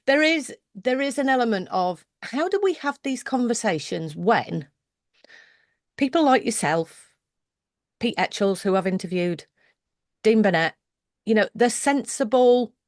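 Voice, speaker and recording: A woman's voice: fairly high pitch, no echo, clean studio sound. A British woman hosting a conversational interview, thinking aloud with restarts and asides. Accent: British English. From United Kingdom. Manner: thoughtful, circling back with restarts and asides. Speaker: podcast host.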